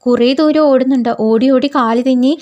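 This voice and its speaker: A woman with a fairly high voice retells the plot of a TV serial in a casual spoken way. She fills pauses with drawn-out filler sounds and often restarts her sentences. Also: fairly even intonation, a little mellow, dull audio. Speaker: serial recap narrator.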